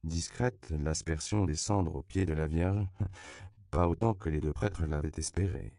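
A man reading a novel aloud as a narrator, at a measured, even pace. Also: sits low, creaky, clear, resonant tone, no echo, studio quality. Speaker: audiobook narrator. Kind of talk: scripted narration.

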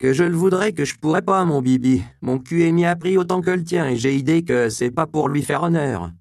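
A man voicing a cheerful, coarse streetwise woman in an audiobook, talking brash and slangy, in a raised, loud voice. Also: a little high, brisk, gravelly, no echo, studio quality, pitched above the performer's own voice. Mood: bawdy.

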